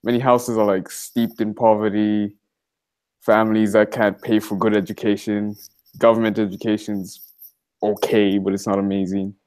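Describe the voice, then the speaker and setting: A man's voice: lowish voice, moderate pace, clean tone. An eighteen-year-old man from Malawi, a college student, talking casually as an interview guest over a video call from a library study room, with lots of "like" and "you know.". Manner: relaxed, conversational, many fillers like "like" and "you know".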